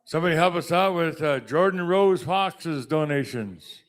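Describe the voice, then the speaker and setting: A man working as a powwow emcee, calling people up by name in a halting, list-like way. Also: a little high, lively intonation. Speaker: powwow emcee announcing names.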